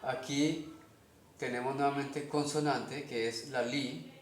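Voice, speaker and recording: A man with a Colombian Spanish accent teaching a language lesson, explaining slowly step by step and often checking in with his listeners. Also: mid-range voice, fairly even intonation, a little hiss or hum. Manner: slow, methodical, checks in with "¿ok?". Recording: echoey room.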